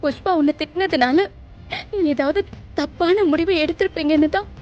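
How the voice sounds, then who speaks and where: An actress playing an apologetic, tearful young daughter in a TV serial. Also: female voice, sits high, normal speed, dull audio, lightly acted. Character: remorseful young woman, worried daughter. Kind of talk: Tamil TV serial acting. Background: soap opera music score.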